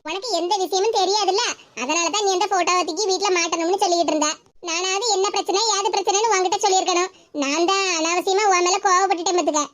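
A woman voicing a fiery, blunt middle-aged village mother-in-law with a Tirunelveli Tamil accent in an animated cartoon. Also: very high voice, quick pace. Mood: gentle. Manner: scolding, blunt, threatening.

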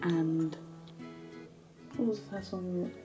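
Young female vlogger, slightly low-pitched, low-key and hungover, casual handheld chat, music behind. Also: fairly even intonation, measured pace. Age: young adult. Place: outdoors in a garden and inside a house. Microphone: handheld camera at arm's length.

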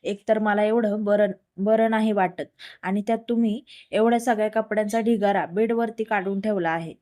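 A woman's voice: mid-range voice, fairly even intonation, moderate pace, dark tone, natural voice. A woman reading a storybook voices a young married wife who scolds sharply and sounds worn out. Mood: scolding. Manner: scolding, exasperated.

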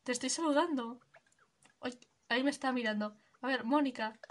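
A woman's voice: sits high, moderate pace. A young woman, giving casual gameplay commentary, chatty and giggly, thinking aloud. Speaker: gaming video creator.

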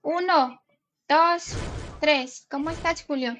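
Chica joven streamer, voz aguda, habla suelto y juguetón con su chat, un poco de ruido de fondo. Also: female voice, high-pitched, slow pace, a bit bright, slight background noise. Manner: chatty, playful, greets viewers and reads chat names aloud. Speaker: gaming live streamer. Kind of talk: casual live stream chat.

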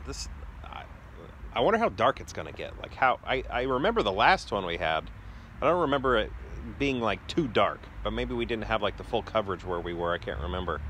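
A man's voice: lowish voice, a bit bright. A man in his forties vlogging casually on a phone in a backyard, musing tentatively and often trailing off mid-thought. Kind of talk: casual vlog narration of watching the sky. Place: outdoors in a residential backyard. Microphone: phone held at arm's length. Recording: clear outdoor ambient noise.

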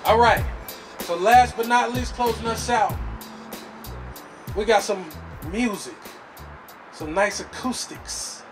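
A man's voice: high voice, slow pace, pauses often, over music. A man in his thirties hosting a poetry event with hyped, joking crowd-pumping, at a stand mic on a city rooftop. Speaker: host.

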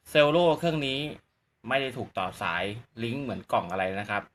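A man's voice: medium pitch, pushed and bright. A man hosting a casual gadget demonstration, explaining politely with repetitive phrasing. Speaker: YouTube channel host.

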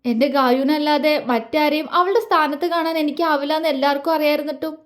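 A woman's voice: high-pitched, steady tone, fairly quick, lightly acted. A woman voicing a grieving young man. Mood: bitter. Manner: anguished, pleading inner monologue. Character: grieving young man torn between two loves. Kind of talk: audio story reading.

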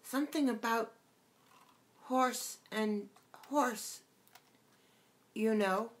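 A woman's voice: fairly high pitch, drawn-out words, voice pushed up. A woman voicing a tiny, sad, pleading insect that coaxes and repeats little jokes, in a storybook reading. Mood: coaxing. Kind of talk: audiobook character voice.

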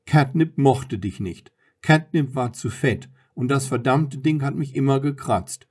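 Man doing a teasing young wife, playful and quick-witted, for an audiobook. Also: mid-range voice, a little mellow, close to an everyday voice.

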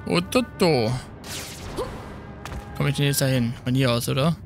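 A man's voice: medium pitch, a little slow, vocal fry, faint music behind. A male streamer giving casual let's-play commentary, chatting away and tossing in English slang.

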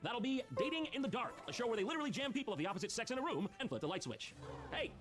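Man, 30s, comedic commentary host, sarcastic, rapid-fire, animated pitch. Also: over music. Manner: sarcastic, mocking asides. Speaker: host reacting to video clips. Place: studio room with couch and brick wall.

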